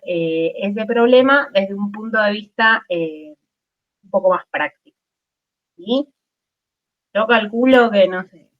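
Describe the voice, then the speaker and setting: Casual Argentine woman teaching online. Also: medium pitch. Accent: Argentine Spanish. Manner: casual, lots of fillers and checking with students. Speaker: chemistry teacher. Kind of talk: online class. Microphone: video call. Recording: dull lo-fi video call audio.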